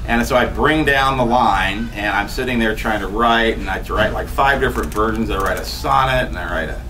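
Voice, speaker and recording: Recorded from a distance by a far camera without a microphone, a man in his fifties reads his poetry in a small bookstore room amid noisy background. His voice is lowish and fairly quick, and he's animated, gesturing, and laughing through chatty asides between lines.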